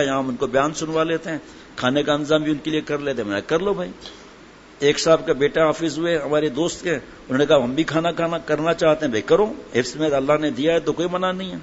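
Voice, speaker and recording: A middle-aged man giving a sermon and telling a humorous story, acting out the voices of the people in it. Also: a little high. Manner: storytelling, acts out quoted voices. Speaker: Islamic preacher. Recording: dull lo-fi with faint hiss.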